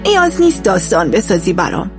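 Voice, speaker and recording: A woman's voice: fairly low pitch, very animated, pitched below the performer's own voice. A woman voicing a caring, worried mother who fusses and soothes, with music underneath. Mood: soothing. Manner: fussing, soothing.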